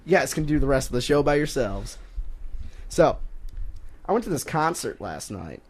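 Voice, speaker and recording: A young man hosting a casual sports talk radio show, joking and rambling between topics and quick to laugh. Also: mid-range voice, very animated. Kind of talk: casual college radio banter.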